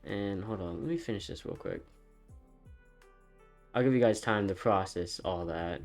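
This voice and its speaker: A man's voice: sits low, moderate pace, faint music behind. A man casually telling a story as commentary while he animates, rambling and swearing, with loose fillers.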